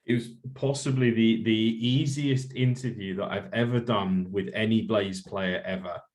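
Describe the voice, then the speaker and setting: Male podcast host, low voice, chatty and hesitant. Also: steady tone, moderate pace, darkish tone. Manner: chatty, hesitant questions with many fillers. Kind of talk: casual podcast interview.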